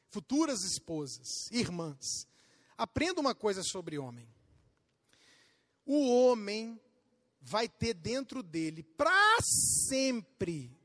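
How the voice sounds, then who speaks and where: Preaching a sermon, a high-pitched pastor with a Brazilian accent speaks straight to his listeners and peppers them with questions. He's animated, acting out quotes as little scenes and breaking into sudden shouts.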